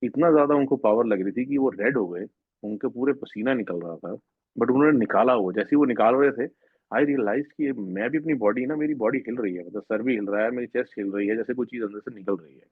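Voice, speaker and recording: Husky man telling an earnest story over a tinny line. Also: medium pitch, fairly quick, dry recording. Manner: earnest, rambling storyteller who restarts sentences. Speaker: devotee sharing a personal spiritual experience. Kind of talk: personal testimony at a devotional gathering. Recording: tinny phone-like sound, dry.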